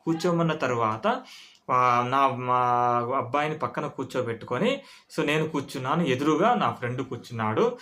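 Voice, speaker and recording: A man's voice: mid-range voice, expressive, normal speed, sharp tone. A man telling a first-person story in an earnest, conversational way with frequent restarts.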